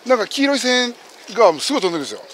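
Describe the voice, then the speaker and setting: Lively high-voiced man chatting on a hike. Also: racing, slight background noise. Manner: animated, joking, exclaims loudly. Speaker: streamer and host. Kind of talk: casual chat while hiking. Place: outdoors on a mountain trail.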